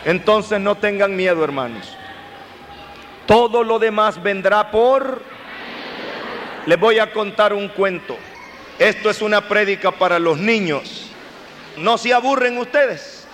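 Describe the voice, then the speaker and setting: High-voiced preacher telling children a story. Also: male voice, takes it slowly, pauses often. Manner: storytelling, animated, addresses the audience with questions. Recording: long hall reverb, faint noise.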